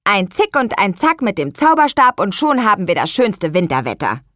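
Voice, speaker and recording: A woman's voice: medium pitch, sing-song, moderate pace, a bit bright, no room sound, clean studio sound, voice pushed up. A woman voicing an eager, impatient young boy in an audiobook, who exclaims a lot. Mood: excited. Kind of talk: audiobook character voice.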